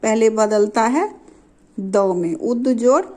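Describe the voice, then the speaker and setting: A woman teaches a grammar lesson, slowly repeating each term and example, asking questions and answering them herself, and checking often that her students are following. Her voice is fairly high, expressive, and a little mellow.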